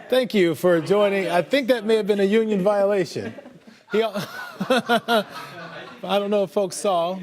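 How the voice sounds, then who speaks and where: A man anchoring live TV news, joking lightly with a colleague. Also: high voice.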